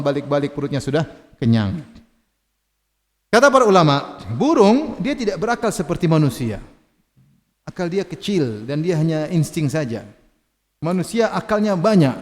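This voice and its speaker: A high-pitched Indonesian man gives an animated sermon, joking with his listeners and reciting Arabic verses. His voice carries a long echo through a mosque hall. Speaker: preacher.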